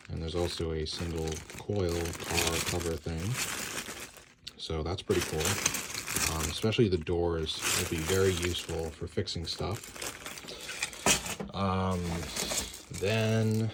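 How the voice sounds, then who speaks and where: Man, very low voice, unhurried, halting casual unboxing talk, slightly worn voice, loud noise and crinkling behind. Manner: relaxed, halting, many ums and uhs. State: slightly losing his voice. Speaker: model train hobbyist.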